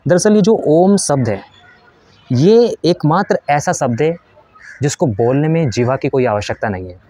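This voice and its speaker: A man's voice: fairly high pitch, animated, normal speed, warm tone. A man giving a patient spiritual lesson. He explains step by step, asks questions and answers them himself, and shows how to chant. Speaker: spiritual teacher.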